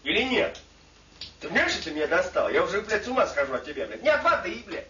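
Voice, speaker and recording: An actor playing a furious, foul-mouthed captive soldier who shouts and mocks. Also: male voice, high-pitched, very animated, fast, recorded from a distance, exaggerated voice. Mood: exasperated shouting. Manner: shouting, swearing constantly, mocking. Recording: echoey lo-fi room from afar with faint noise.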